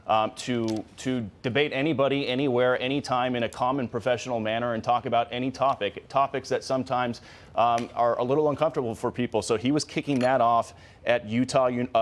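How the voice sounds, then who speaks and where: A man's voice: medium pitch, fairly even intonation, a little fast. Man co-anchoring breaking news.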